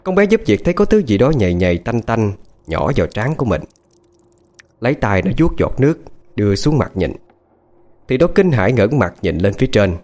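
Lively male ghost story narrator. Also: moderate pace. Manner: expressive, varies pitch widely. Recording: faint background music.

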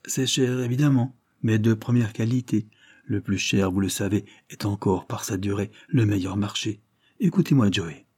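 A chatty, good-humoured floor manager of middle years pours out easy sales patter, voiced by a male storyteller. His tone stays dark and slightly husky under the brightness of the act. The room sounds close and dry. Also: lowish voice, normal speed, no echo. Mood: jovial. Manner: smooth-talking, voluble salesman patter.

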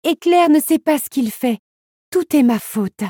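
A woman voicing a cheerful, caring young princess in a bright, lively way. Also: high-pitched, a little slow, no echo, clean studio sound, voice pushed up. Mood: apologetic.

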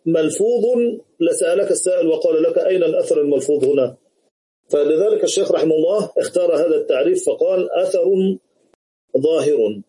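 A man teaching a grammar lesson over a video call, explaining slowly and repeating key words. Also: fairly high pitch, warm tone, low-quality recording.

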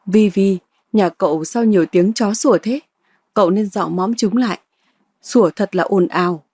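A bold young woman with a cutting, scornful tongue, read by a woman in a storybook. Her voice is dark and husky, recorded dry and close. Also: mid-range voice, normal speed, dry recording, natural voice.

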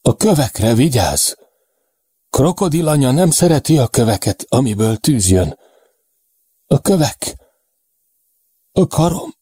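A man voicing a proud, feverish, dying caveman warrior in a halting manner. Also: medium pitch, very animated, mellow, husky, dry recording, clean studio sound, voice pushed up. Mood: feverish, fearful.

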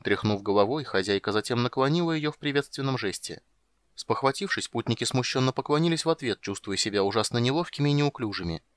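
A man narrating a fantasy audiobook in an even, measured storytelling manner. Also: mid-range voice, dry recording.

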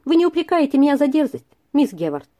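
A woman reading aloud and voicing a gentle young man who speaks earnestly and with trembling feeling. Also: sits high, very animated, fast talker, pitched above the performer's own voice. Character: gentle young male tutor in love.

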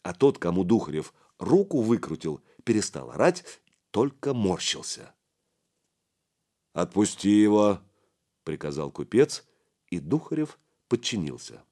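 A man narrating an audiobook in an expressive storytelling manner. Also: sits low, normal speed, slightly rough. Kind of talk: scripted narration.

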